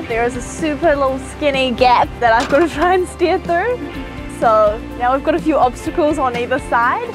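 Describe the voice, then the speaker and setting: A young woman chatting in a giggly, light-hearted way as a crew member aboard a sailboat. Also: a little high. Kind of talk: casual vlog. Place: aboard a sailing catamaran.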